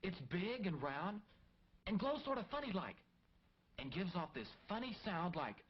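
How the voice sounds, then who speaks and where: An actor playing an excitable man pitching a get-rich scheme to his sleepy partner, animated and eager, on a dull 1960s film soundtrack. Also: normal speed, a little hiss or hum. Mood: excited. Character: excitable male hustler dreaming of riches.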